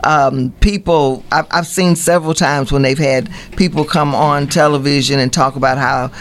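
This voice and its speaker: A man giving political commentary as a radio co-host, deliberate and repeating phrases for emphasis. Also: a little high, steady tone, a bit bright.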